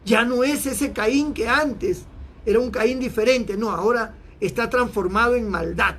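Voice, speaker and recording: A male pastor from Peru delivering an emphatic sermon, his pitch rising suddenly for emphasis. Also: a little slow, a bit bright, slight background noise.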